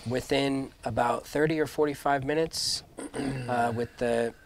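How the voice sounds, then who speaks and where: A man narrating a tabletop game as game master, improvising in halting phrases as he searches for words. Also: mid-range voice, fairly even intonation, slight background noise.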